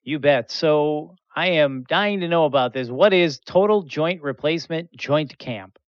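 A man's voice: a little high, unhurried, no echo. Podcast host guy, chipper, recaps what the guest says, kinda muffled dry audio. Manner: upbeat, sums up the guest's answers. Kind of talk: podcast interview.

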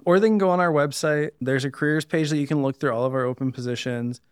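A man with a Midwestern American accent, speaking as a recruiter guest in a relaxed, rambling way. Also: on the high side, quick pace, clean tone, dry recording, clean studio sound. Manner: relaxed, rambling, uses lots of "like". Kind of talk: casual interview chat.

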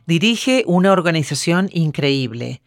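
A woman host reading a formal podcast introduction and questions in a measured voice-over. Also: fairly low pitch, animated, dry recording, studio quality. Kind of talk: scripted Spanish voice-over of host.

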